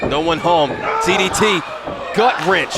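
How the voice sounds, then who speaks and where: A man giving excited live play-by-play as a wrestling commentator, often raising his voice to shout the calls. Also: high-pitched, measured pace. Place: live wrestling event with crowd behind. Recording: noisy live event, loud crowd.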